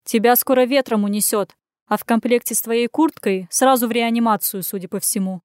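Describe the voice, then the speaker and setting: Женщина, изображающая заботливую властную подругу. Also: female voice, fairly high pitch, fairly even intonation, fairly quick, darkish tone, smooth, dry recording, lightly acted. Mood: scolding. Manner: insistent, scolding. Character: caring, bossy young woman friend.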